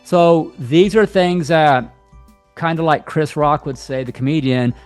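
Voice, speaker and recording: A man's voice: on the high side, measured pace, clear, resonant tone, no room sound, faint music behind. A man speaking in a blunt, conversational monologue about relationships, with frequent asides and mock quotes. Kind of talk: casual monologue to camera.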